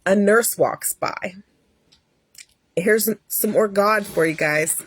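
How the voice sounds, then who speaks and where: A woman's voice: medium pitch, slow pace, a bit bright, breathy edge. Earnest woman in her fifties telling her story. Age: 50s. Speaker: host. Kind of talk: personal faith testimony.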